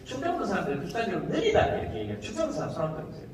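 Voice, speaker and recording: Lively man doing stand-up in an echoey hall. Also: high voice, crowd noise. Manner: animated, jokey, mimics regional speech in quick asides. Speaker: comedian giving a talk concert. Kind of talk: stand-up talk to a live audience. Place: large hall with a live audience. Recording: echoey hall audio with noise, from far off.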